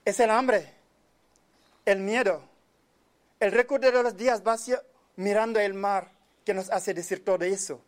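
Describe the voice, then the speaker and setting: A man from Senegal giving an earnest, measured monologue, often speaking quietly. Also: sits high, fairly even intonation. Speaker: speaker telling of his migrant life. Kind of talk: reflective spoken monologue.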